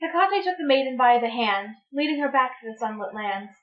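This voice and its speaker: A woman narrates a dramatic story reading with expressive, dramatic delivery. Her voice sits a little high. She is heard from a distance from the mic, in a dull, lo-fi recording. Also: brisk, slight background noise.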